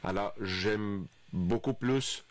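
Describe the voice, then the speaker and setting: Low-voiced man with a Spanish accent. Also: takes it slowly. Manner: self-conscious, hesitant. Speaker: webmaster. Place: radio studio.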